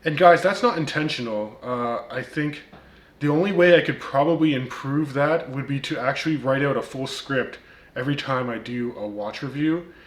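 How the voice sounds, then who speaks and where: Speaking at medium pitch and a normal pace, this man with a slight Turkish accent runs a watch review channel. In a relaxed vlog he fires back at critics with wry replies, often saying um and uh. The sound is roomy.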